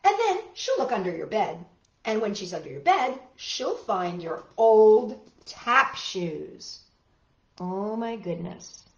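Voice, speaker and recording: Reading to children in a slow, sing-song, mid-range voice, a woman leads a storytime full of exclamations and friendly remarks aimed straight at her young audience. Faint music plays, and the sound is roomy, dull and lo-fi.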